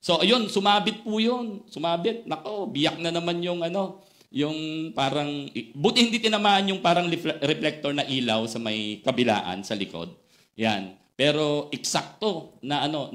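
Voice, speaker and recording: A man preaching a sermon, telling a personal story, mixing in English phrases and moving between soft quoted asides and loud excited bursts. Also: fairly high pitch. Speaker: pastor.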